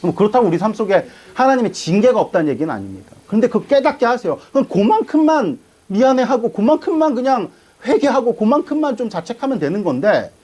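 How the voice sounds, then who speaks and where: A man's voice: sits high, very animated, quick pace, few pauses, darkish tone, slightly rough, low-quality recording. A man preaching a sermon as pastor, asking the congregation questions and answering them. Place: church sanctuary.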